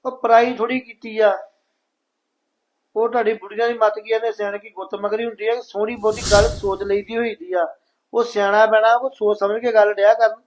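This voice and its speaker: A man playing a father who reasons calmly with his wife in a family drama. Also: sits high, brisk, rough recording. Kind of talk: scripted family drama acting.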